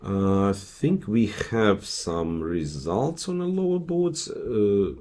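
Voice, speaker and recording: A man giving conversational live chess commentary, thinking aloud in a halting way. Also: on the low side, very animated, a little mellow.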